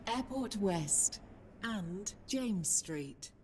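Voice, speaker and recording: A woman's voice giving slow, formal train station announcements over a loudspeaker. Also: mid-range voice, lively intonation, slight background noise. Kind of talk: automated transit announcements.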